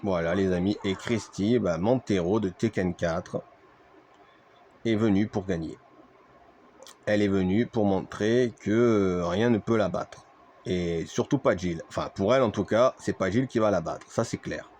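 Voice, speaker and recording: A man's voice: low-pitched, unhurried, a little mellow, slight background noise. A man giving play-by-play wrestling commentary on a video game match, speaking to his viewers like a ringside commentator with repeated exclamations.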